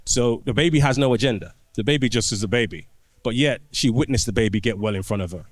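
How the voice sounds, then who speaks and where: A man who is a doctor appears as a podcast guest, describing his work through anecdotes in a relaxed conversation and frequently restarting his phrases. His voice is mid-range and quick, and the recording is dry.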